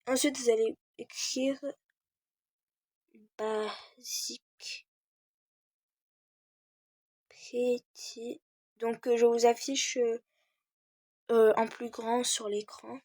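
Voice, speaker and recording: Teen girl, casual tutorial host, slow and hesitant, mellow voice, dry close mic. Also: on the high side, level tone, dry recording. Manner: hesitant, many "euh" fillers, talks while searching. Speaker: game tutorial creator. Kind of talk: casual screen-recorded tutorial.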